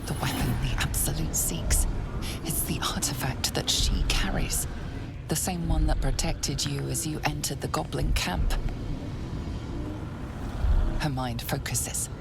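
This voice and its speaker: A woman playing an ominous, grave narrator of a dark fantasy game, measured and suspenseful. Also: deep voice, creaky. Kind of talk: scripted second-person game narration. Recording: loud game music behind the voice.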